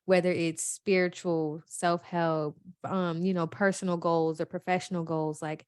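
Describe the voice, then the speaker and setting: A woman's voice: fairly low pitch, little pitch movement, measured pace, clean tone, dry recording. A woman, talking in a heartfelt, emotional way, close to tears. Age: 20s. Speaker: podcast co-host. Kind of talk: casual chat.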